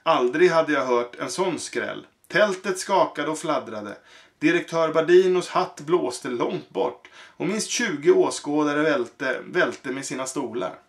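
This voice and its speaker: A man reading a children's book aloud in a halting way, with fillers and self-corrections. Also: a little high, expressive. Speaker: reader.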